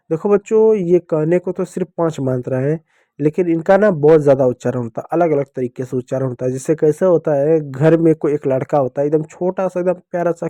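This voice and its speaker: A man's voice: a little high, warm tone, no echo. A man teaching children English reading, explaining step by step and often asking them questions. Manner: repetitive questioning, addresses children directly. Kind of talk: explanatory classroom lesson.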